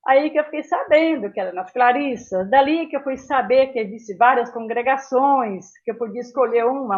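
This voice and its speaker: A woman in her seventies, a guest in a casual interview, reminisces about her past in a fairly high voice. She rambles from one detail to the next, often ending phrases with a little question, and the recording sounds somewhat dull and lo-fi.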